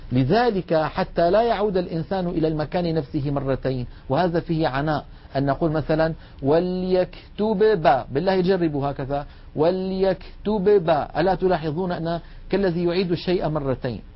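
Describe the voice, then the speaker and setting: A man teaching a lesson on recitation rules, explaining patiently and drawing out slow recited examples. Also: fairly high pitch. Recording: dull lo-fi recording.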